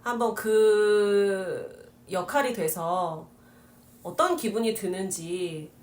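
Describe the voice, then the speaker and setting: A woman teacher leading a relaxed book discussion and asking the group questions. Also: medium pitch, takes it slowly. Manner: reflective, asks the group questions. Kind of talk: casual discussion. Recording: echoey room, distant mic, faint background noise.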